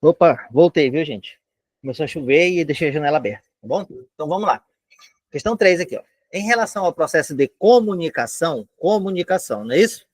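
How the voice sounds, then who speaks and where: With a fairly high pitch, lively intonation and a quick pace, this Brazilian man speaks with no echo in the audio. His casual online exam-prep lesson from a home room is chatty, packed with filler tags and careful step-by-step explanations.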